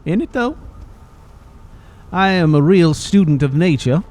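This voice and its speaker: A man's voice: a little high, expressive, unhurried, a little mellow. A man voicing a cheeky, chatty old rusty robot in a game, with a folksy drawl and teasing manner. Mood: boastful, amused. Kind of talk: video game character dialogue.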